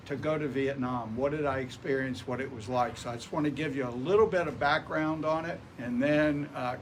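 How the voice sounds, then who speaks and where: A man, telling personal stories to an audience in a relaxed, wry, conversational way. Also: mid-range voice, a little hiss or hum. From Portsmouth, Virginia. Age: 80s. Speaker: guest speaker. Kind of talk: public talk with personal stories. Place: library meeting room.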